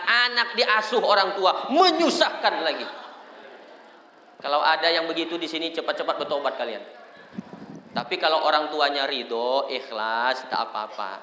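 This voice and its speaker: A male preacher, joking and telling stories to a large gathering. His voice is slightly high and bright. It rings through a long hall reverb over faint ambience. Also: a little hiss or hum. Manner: storytelling, joking, shifting voices. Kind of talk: humorous sermon.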